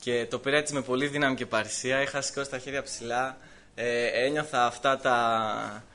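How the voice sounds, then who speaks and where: Bright-voiced man sharing a church testimony. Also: medium pitch. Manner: lively storytelling that voices the people in his story. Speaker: church member giving testimony.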